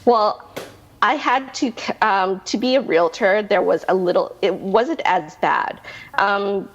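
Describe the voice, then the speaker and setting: A woman's voice: mid-range voice, slow pace, long reverb tail, dull audio. A woman in her thirties with a Canadian accent, answering interview questions in a chatty, rambling way full of restarts and fillers. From Canada, Manitoba. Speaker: guest, realtor.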